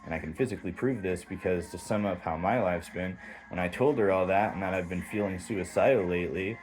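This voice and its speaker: A man talks straight to camera in a rambling, heated rant, swearing constantly. His voice sits low and deep. Faint music plays quietly behind him. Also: fairly quick, low-quality recording. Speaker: vlogger. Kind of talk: direct-to-camera monologue.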